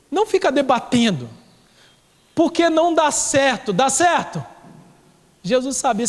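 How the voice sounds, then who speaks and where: A male pastor with a Brazilian accent delivering a sermon, telling a story and repeating key phrases for emphasis. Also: extremely high pitch. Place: church. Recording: reverberant church hall.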